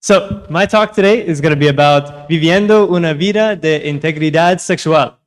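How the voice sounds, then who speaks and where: An American man, a native English speaker, giving a public talk through an interpreter, mixing English with halting American-accented Spanish. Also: fairly high pitch. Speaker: guest speaker at a youth seminar.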